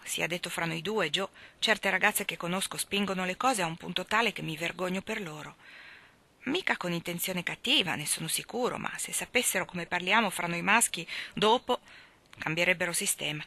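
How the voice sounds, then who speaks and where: A woman's voice: lowish voice, normal speed, pushed and bright. A woman reading the lines of a playful, gallant young man in a storybook audiobook, bantering lightly. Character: young male gentleman, teasing, gallant.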